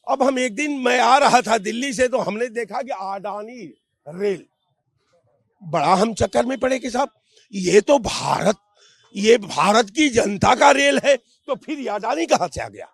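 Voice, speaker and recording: A man's voice: very high-pitched, lively intonation, a little slow, creaky, dry recording. A man from the public in a street interview, arguing heatedly and rhetorically, raising his voice in bursts. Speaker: member of the public. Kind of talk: street vox pop debate.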